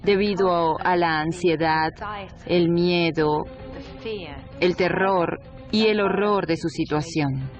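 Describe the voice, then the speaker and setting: A woman's voice: lowish voice, fairly even intonation, slow pace, muffled recording. A woman voicing a devoted middle-aged wife in a dubbed documentary interview, with music behind her. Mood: earnest, tender. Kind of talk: documentary interview voice-over dub.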